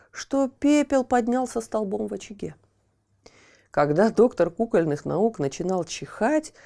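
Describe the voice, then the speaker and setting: Female storyteller for a children's audio tale; slow and highly expressive. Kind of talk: scripted fairy tale narration.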